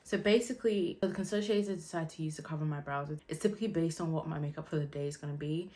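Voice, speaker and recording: Low-voiced woman explaining makeup. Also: fast talker. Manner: chatty, relaxed, with frequent fillers. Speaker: beauty vlogger. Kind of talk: casual makeup tutorial.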